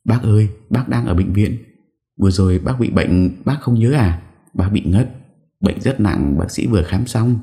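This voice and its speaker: A man voicing a polite, gentle young woman in an audiobook story, speaking softly and courteously. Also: medium pitch, flat delivery, moderate pace, gravelly, few pauses, pitched above the performer's own voice, natural voice. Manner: soft and courteous.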